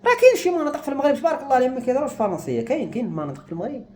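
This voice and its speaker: A man's voice: very high-pitched, big pitch swings, very fast, a little mellow. A young man with a Moroccan Arabic accent, speaking to camera in an agitated, despairing rant. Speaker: vlogger. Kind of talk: emotional monologue to camera.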